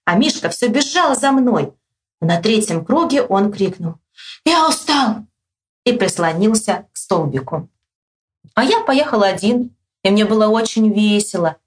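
Lively woman reading a story aloud. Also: moderate pace. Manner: acts out the boy's shouts with big jumps in pitch. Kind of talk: expressive read-aloud with quiz questions.

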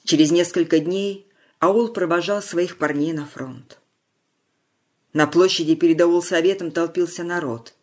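Narrator: mid-pitched, measured storytelling, reads a war-era tale. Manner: measured storytelling, slowing on solemn lines. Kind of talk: scripted narration.

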